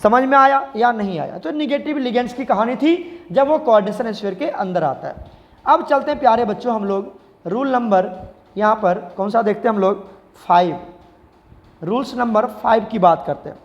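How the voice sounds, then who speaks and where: A man's voice: high-pitched, normal speed, in a large hall. A male chemistry teacher, giving a classroom lecture and repeatedly asking the class questions and answering them himself. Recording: slightly dull lo-fi sound.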